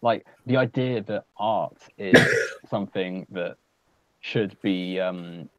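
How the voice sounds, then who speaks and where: A man's voice: low voice, takes it slowly, a bit bright. A man in a casual online hangout, talking earnestly and at length with many fillers. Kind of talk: casual political discussion. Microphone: home computer mic on a video call. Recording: dull lo-fi audio.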